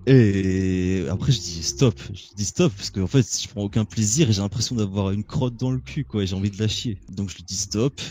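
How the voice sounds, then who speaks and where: A man casually telling a crude personal story in a relaxed, joking chat, laughing as he goes. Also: fairly low pitch, moderate pace, hardly any pauses, soft background music.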